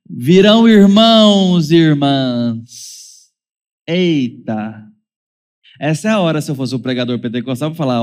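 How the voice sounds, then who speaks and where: A man's voice: medium pitch, darkish tone. A man with a Brazilian Portuguese accent preaching a sermon as pastor, with wry humor and playful asides. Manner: wry humor, mimics children's whining voices.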